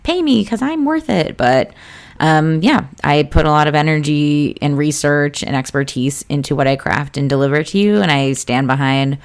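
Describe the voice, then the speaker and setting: A woman with vocal fry, talking casually and chattily into a close podcast mic as an astrologer hosting her own show. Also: low-pitched, fairly even intonation, moderate pace. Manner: chatty, loose and informal, with frequent fillers and asides. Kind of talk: casual solo podcast talk.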